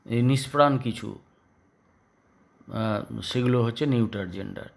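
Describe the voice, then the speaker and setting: Male teacher, Bengali accent, unhurried classroom delivery with frequent pauses and repeated words. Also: medium pitch, vocal fry. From West Bengal, India. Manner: slow, halting, repeats words for pupils. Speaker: school English teacher. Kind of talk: classroom grammar lesson.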